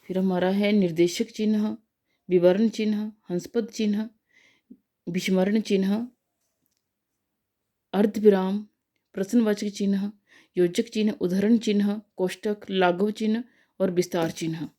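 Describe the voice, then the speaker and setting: A young woman with a mellow, darker voice walks through a grammar lesson step by step. She talks patiently, often checking in with a quick "okay" and a filler before slowing down on her examples. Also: medium pitch, fairly even intonation. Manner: patient, repeats "ठीक है" and "अ" fillers, slows on examples. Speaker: teacher. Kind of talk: explanatory Hindi grammar lesson.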